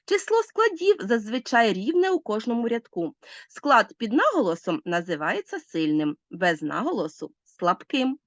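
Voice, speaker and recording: A woman's voice: high voice, no echo. A woman teacher explaining a literature lesson step by step, speaking directly to her pupils.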